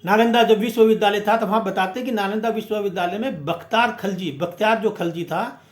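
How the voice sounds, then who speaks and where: A man with a high voice delivers a fiery, emphatic speech, leaning on rhetorical questions and repeated phrases. The sound rings with the echo of the room. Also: brisk. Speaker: movement speaker. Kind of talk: impassioned speech. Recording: echoey room.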